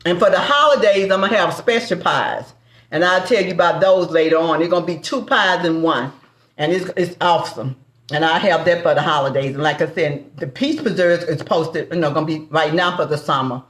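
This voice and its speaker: A woman's voice: lowish voice, a little fast, echoey room. A woman with a Southern accent hosting a live cooking stream. She banters with viewers and calls them baby and family. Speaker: cooking show host.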